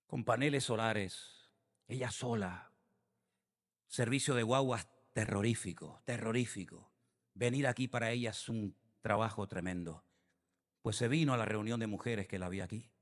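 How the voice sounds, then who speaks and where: A man with a Canarian Spanish accent, preaching a sermon as a pastor, swinging between impassioned high peaks and hushed prayer. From Canary Islands, Spain. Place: church sanctuary. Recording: church hall with long reverb.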